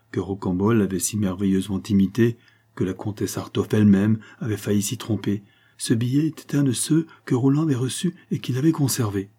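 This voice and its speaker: Male audiobook narrator, low pitch, warm dark tone, measured dramatic reading. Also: husky.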